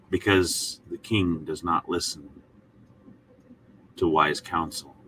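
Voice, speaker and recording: A man teaching the Bible in a short devotional, speaking in a folksy, emphatic manner with pauses between short phrases. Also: sits low, pushed and bright, a little hiss or hum, poor audio.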